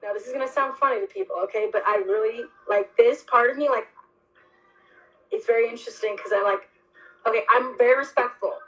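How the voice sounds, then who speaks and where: A young woman hosting a casual chat, telling a story in an animated, emphatic and heavily profane way. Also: a little high, brisk, rough recording. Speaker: host.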